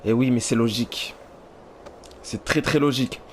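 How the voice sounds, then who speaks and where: Man, gamer commentary, casual and chatty, addresses viewers, mid pitch, slight noise behind. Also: fairly even intonation, moderate pace. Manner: chatty, talks straight to his viewers. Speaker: let's play gamer.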